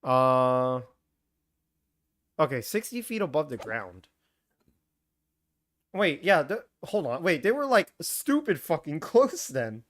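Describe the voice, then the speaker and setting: A man streaming a game, talking in a casual, animated way and often swearing and getting flustered. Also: a little high, takes it slowly, pauses often. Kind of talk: casual gameplay commentary.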